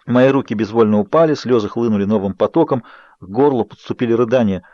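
A man narrating an audiobook in an expressive, measured voice. The recording is dry, with a slightly dull, muffled tone. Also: medium pitch, no echo. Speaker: audiobook reader. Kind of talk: scripted narration.

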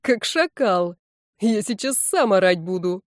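A man's voice: high-pitched, animated, unhurried, no room sound, studio quality. A woman voicing a mocking, gleeful young male musician in an audiobook. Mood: teasing.

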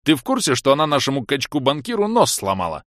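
A man voicing a rough, brash young male friend who talks in blunt slang, in an audiobook reading. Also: mid-range voice, huge pitch swings, fast, a bit bright, dry recording, studio quality, voice pushed up. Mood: rowdy.

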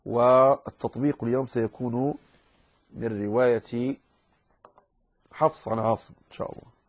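A man teaching a lesson on Quran recitation rules. He explains calmly, then stretches out words slowly to demonstrate. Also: medium pitch, muffled recording. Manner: calm explanation, then slow drawn-out demonstrations. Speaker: tajweed teacher.

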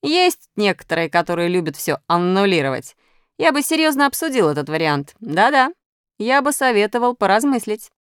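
A woman's voice: medium pitch, big pitch swings, normal speed, clear, resonant tone, no echo, clean studio sound, voice pushed up, lightly acted. Woman doing sly, whiny Minus. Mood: scheming. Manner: wheedling, unpleasant voice. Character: sly, scheming male Minus sign character.

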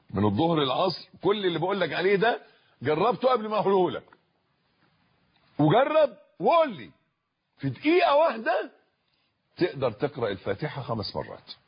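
A man with an Egyptian accent preaching a sermon in a husky voice, repeating phrases and building to loud emphatic peaks. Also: on the high side, sing-song, fast, muffled recording. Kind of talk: Islamic sermon in colloquial Arabic.

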